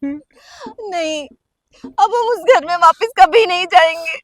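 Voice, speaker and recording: A woman playing a very high-voiced emotional wife. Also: moderate pace, no echo. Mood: tearful. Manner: emotional, pleading. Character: wronged wife, fierce then remorseful. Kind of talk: village short-film acting.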